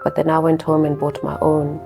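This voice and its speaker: A woman's voice: sits low, completely flat delivery, a little fast, creaky, over music. A woman in her thirties from Kenya, raised in South Africa, frankly telling her life story as a podcast guest. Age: 30s. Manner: frank, reflective, with small restarts. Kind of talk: candid interview storytelling.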